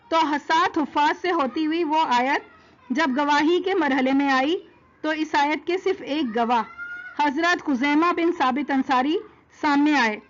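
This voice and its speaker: Woman lecturer, high voice, steady explanatory delivery in numbered points, dull lo-fi recording. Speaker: religious lecturer. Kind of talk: religious history lesson.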